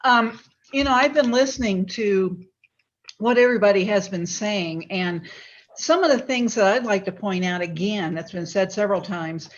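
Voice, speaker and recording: A woman's voice: mid-range voice, moderate pace. Chatty woman on a muffled call. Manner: rambling, with many ums and a chuckle. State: talking while eating. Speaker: resident speaking at a town forum. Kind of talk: casual public comment. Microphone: home computer mic on a video call. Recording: muffled lo-fi video call audio.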